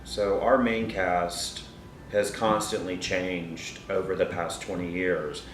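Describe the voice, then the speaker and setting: A man who ran a theater's training program, calmly explaining how students move up through it. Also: low voice, far from the mic, a little hiss or hum. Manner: plain, explanatory, measured. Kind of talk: interview. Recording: echoey room from afar, faint music.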